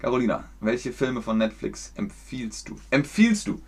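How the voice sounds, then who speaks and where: A man from Germany teaching German on a livestream, explaining slowly, clearly and patiently. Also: medium pitch, big pitch swings, a little mellow. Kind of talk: livestream language lesson.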